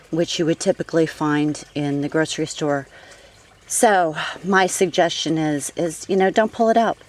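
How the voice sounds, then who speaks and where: Low-voiced woman giving garden tips. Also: a little mellow, rough recording. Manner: chatty and practical, with frequent fillers. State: out of breath. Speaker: gardening vlogger. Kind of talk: casual outdoor garden tips. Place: outdoor garden.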